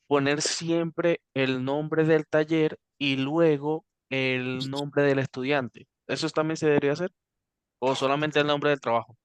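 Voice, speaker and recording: A male student cuts in with a question, stumbling a little and apologizing first. His voice is very clean and resonant, with a level, unvaried pitch, and the sound is dry and close. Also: fairly even intonation, a little slow, clean tone, no echo.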